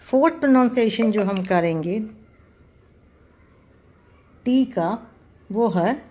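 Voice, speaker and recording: A woman teaching pronunciation in a video lesson, speaking slowly and deliberately and repeating and spelling out each example word. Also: mid-range voice, animated, dark tone.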